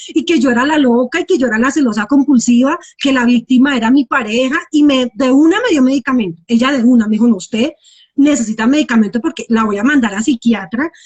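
A woman, telling her personal story as a guest and often calling the host by name. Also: high voice. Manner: heartfelt, repeats the host's name often. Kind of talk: emotional personal testimony.

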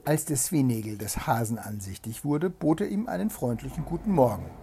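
A man reading an old fairy tale aloud with lively, animated storytelling. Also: medium pitch, fairly quick, creaky, slight background noise.

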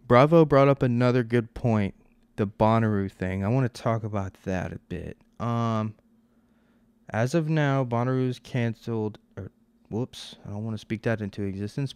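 A man's voice: medium pitch, darkish tone, clean tone, no room sound, clean studio sound. A man in his twenties hosting a podcast on his own, talking in a loose, rambling way with lots of "like" and casual swearing. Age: 20s. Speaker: podcast host. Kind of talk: casual solo podcast monologue.

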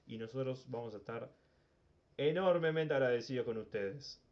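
This casual sports podcast is hosted by a man with a Uruguayan Spanish accent who speaks at normal speed in a medium pitch, and the audio sounds dull. His talk wanders, with frequent word repetitions as he works out his thoughts.

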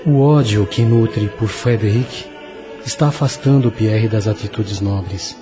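A man playing a serene, wise spirit guide, measured and didactic in a radio drama. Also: lowish voice, natural voice. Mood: serene, solemn. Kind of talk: solemn radio drama acting. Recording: music under the voice.

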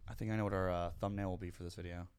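A man co-hosting a podcast in casual comedic chat, riffing with deadpan jokes. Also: low-pitched, racing. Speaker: podcast co-host.

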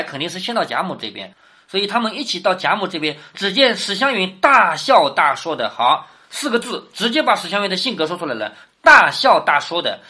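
Her voice is on the low side, fairly bright, and slightly rough as she teaches a classic novel. She reads passages out, explains them, puts questions to the listener often, and gives quoted lines more lift.

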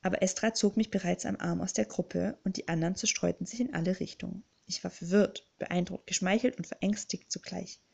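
A woman reading a storybook audiobook aloud with lively first-person storytelling. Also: on the low side, fairly quick, creaky, few pauses, slightly rough. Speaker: audiobook narrator.

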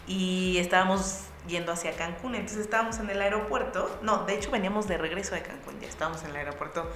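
Woman, Mexican Spanish accent, young adult, casual anecdote, lowish voice, animated storyteller, echoey room. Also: fast, slight background noise. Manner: lively storyteller acting out voices with bursts of laughter. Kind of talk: anecdote told to friends.

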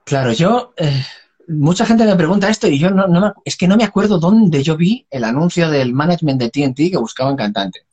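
A man with a voice pitched a little high for a man. He tells stories in a loose, lively way, laughing and swearing freely in a casual chat. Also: a little fast, slightly rough, highs cut off. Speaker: singer and dub voice guest.

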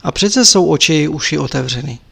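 A man reading an audiobook, voicing an old male lama abbot who admonishes his pupil in a measured, lecturing way. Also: a little high, expressive, gravelly, a bit bright, husky, full character voice. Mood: explaining.

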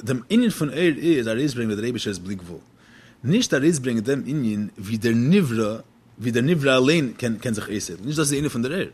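A man's voice: medium pitch, animated, a little fast, darkish tone, husky. A man giving a religious text lecture as a teacher, posing questions and then answering them.

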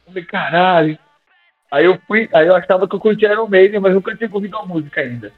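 A young man, a singing teacher, telling animated, slangy stories in a podcast interview and acting out his own old lines. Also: sits high, very fast. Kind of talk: casual storytelling in a podcast interview. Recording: tinny phone-like sound with faint music.

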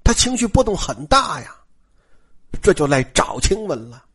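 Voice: medium pitch, very animated, normal speed, fairly bright tone, slightly rough. A storyteller telling a classic tale in a chatty way, full of rhetorical asides. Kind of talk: colloquial storytelling lecture.

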